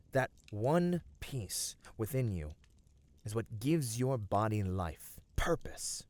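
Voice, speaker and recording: A man voices a fantasy hero's kind, caring companion for a scripted ASMR roleplay, using a mid-range voice with no room sound. His delivery is soothing, earnest and formally phrased.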